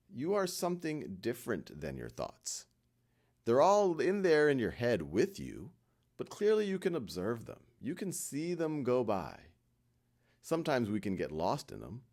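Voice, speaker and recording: A man at medium pitch talks listeners through a guided meditation. His delivery is soft and comforting, with brief instructions and frequent pauses.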